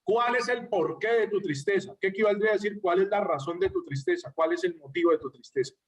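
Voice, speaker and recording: Male writing teacher, higher voice, online lecture, mic a bit distant. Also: fast. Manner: explains patiently with spoken examples, checks in with "¿ya?".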